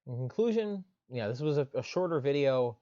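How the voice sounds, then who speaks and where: A man in a mid-range voice delivers a recorded lecture, explaining step by step and filling his pauses with "uh" and "um". The sound is dry and a little dull, with no room echo. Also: medium pitch, animated, mellow. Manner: explanatory, frequent "uh" and "um" fillers.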